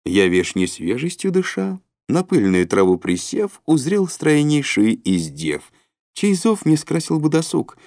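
Male reader as a sly troubadour, slow sing-song verse, storybook reading, dry sound. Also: fairly high pitch, sing-song, a little mellow, dry recording, voice pushed up. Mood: reciting.

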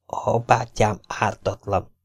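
A man voicing a hushed young outlaw. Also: fairly low pitch, level tone, gravelly, breathy edge, no room sound. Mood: threatening. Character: young male outlaw, quiet and menacing.

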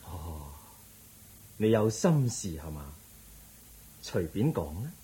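A serene Buddha in a radio drama, with a low, very mellow voice and Hong Kong Cantonese accent. He teaches with measured compassion and gentle firmness, letting his intonation rise and fall expressively. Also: big pitch swings, slight background noise, low-quality recording. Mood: calm, inquiring. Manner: measured, instructive, gently firm. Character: the Buddha, calm compassionate authoritative male teacher.

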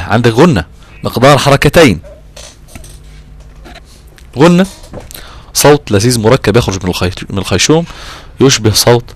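A man with an Egyptian accent teaching a recitation lesson, repeating key terms and slowing down to draw out his recited examples. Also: lowish voice, no room sound. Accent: Egyptian Arabic. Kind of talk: explanatory lesson.

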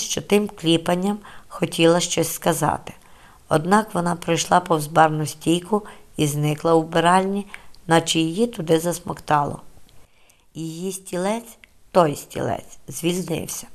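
A woman narrating a novel in a calm, measured storytelling voice. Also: on the low side. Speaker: audiobook narrator. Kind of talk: scripted literary narration.

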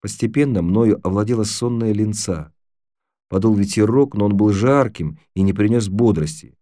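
Guy reading an audiobook, low dark voice, steady and even, dry close mic. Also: normal speed, dry recording. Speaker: audiobook narrator. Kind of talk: audiobook narration.

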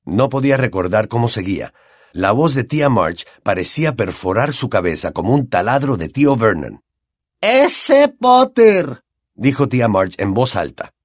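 A man with a Latin American Spanish accent narrating an audiobook in an expressive storytelling manner. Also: fairly low pitch, normal speed, no room sound, clean studio sound. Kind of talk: scripted narration.

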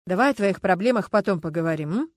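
A woman's voice: on the low side, animated, fast talker, darkish tone, no room sound, studio quality. Woman playing a curt dismissive cop boyfriend. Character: curt busy man, police officer boyfriend.

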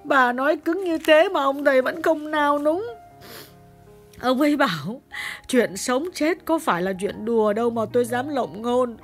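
A woman plays an emotional young servant girl in an audiobook, speaking in a plain, direct way. The voice sits high, with soft music faintly in the background. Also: moderate pace. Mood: recounting. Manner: plain-spoken, storytelling with sobs. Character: young female servant, emotional and eager to please.

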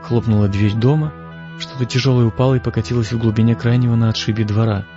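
A man reading an audiobook aloud in a measured, expressive way. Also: medium pitch. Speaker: audiobook reader. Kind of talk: audiobook narration. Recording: dull lo-fi audio with music.

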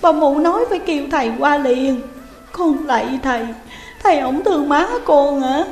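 Woman doing a sobbing little girl, high and pleading. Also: expressive, fairly quick, a little mellow. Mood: pleading, tearful. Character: small frightened village girl begging for help. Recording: roomy reverberant room, faint music.

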